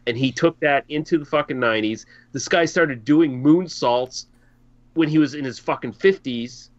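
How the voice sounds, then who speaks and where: A man's voice: medium pitch, normal speed, no echo, lo-fi sound. A man co-hosting a podcast, bluntly ranting with heavy swearing in a casual heated debate. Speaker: podcast co-host.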